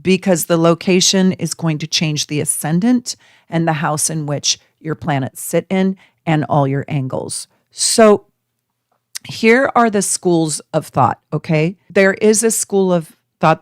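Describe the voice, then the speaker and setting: A woman astrology host teaching her viewers, talking them through ideas with drawn-out emphasis and rhetorical questions. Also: low voice, no room sound, studio quality.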